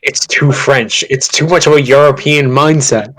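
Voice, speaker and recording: A man's voice: medium pitch, normal speed, a bit bright, low-quality recording. A man playing a tabletop role-play game, making dry, joking remarks. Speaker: player.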